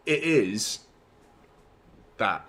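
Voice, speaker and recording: A young man hosting a fan watchalong stream, rambling chattily and giving shout-outs to viewers. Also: fairly low pitch, animated, very slow. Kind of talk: live stream chat with viewers.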